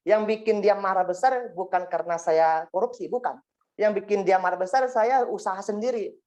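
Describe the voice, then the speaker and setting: A man's voice: sits high, moderate pace, darkish tone. A man giving a spoken testimony to a congregation, telling his story in a rambling way with frequent asides to the listeners. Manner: rambling storytelling, frequent 'ya kan' and 'singkat cerita' asides. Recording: dull lo-fi recording.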